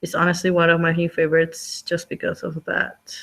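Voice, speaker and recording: A woman's voice: lowish voice, completely flat delivery, brisk. A woman hosting a live online book discussion, chatting casually and rambling with lots of "like.". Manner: chatty, rambling, says "like" a lot. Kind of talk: casual chat.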